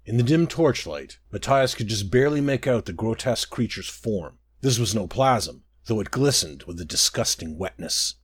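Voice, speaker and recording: A man's voice: fairly low pitch, animated, moderate pace, few pauses, breathy edge. A man narrating a scripted fantasy adventure story.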